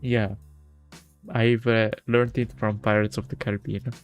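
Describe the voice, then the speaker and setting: A man streams a game, reading a visual novel aloud and adding casual commentary, often stumbling over and repeating words in a halting way. His voice is on the low side with little pitch movement, and game music plays in the background.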